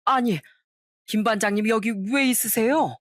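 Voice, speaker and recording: A woman's voice: a little high, normal speed, dry recording, clean studio sound, voice pushed up, lightly acted. A woman voicing a flustered middle-aged male con man who stammers and dodges. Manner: stammering, evasive.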